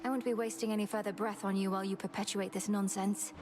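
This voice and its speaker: A woman's voice: medium pitch, flat delivery, quick pace, background noise, lightly acted. An actress playing a stern young woman warrior in a video game, speaking in a cold, formal way. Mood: cold, curt. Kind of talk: video game character acting.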